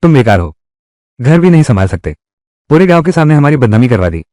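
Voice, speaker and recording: A man's voice: mid-range voice, sing-song, quick pace, mellow, no echo, lightly acted. A man voicing heated, scolding family quarrels in dubbed drama dialogue. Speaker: voice actor dubbing a village family drama.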